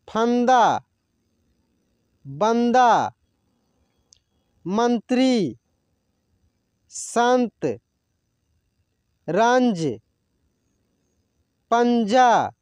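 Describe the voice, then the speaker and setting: A man's voice: sits high, darkish tone, no room sound, clean studio sound. A man teaching a Hindi reading lesson over a screen recording, patiently repeating each word aloud.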